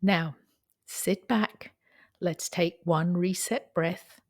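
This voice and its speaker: A woman guiding a breathing exercise as an instructor, counting and giving instructions in a measured way. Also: on the low side, fairly even intonation. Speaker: breathwork guide.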